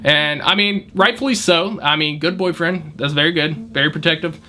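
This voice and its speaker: A man casually telling an animated story about his valet job, often laughing as he talks. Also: fairly high pitch, normal speed, slight background noise.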